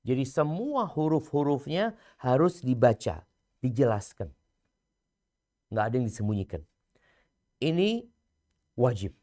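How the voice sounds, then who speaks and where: A man giving a religious lecture, swinging from loud emphasis to hushed, near-whispered lines and chanting scripture slowly. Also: mid-range voice, very animated. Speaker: preacher.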